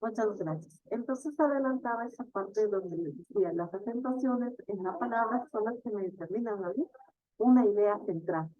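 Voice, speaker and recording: A woman teacher giving a classroom lecture, explaining slowly, stretching example words and often asking the class "¿verdad?". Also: medium pitch, no echo, dull audio.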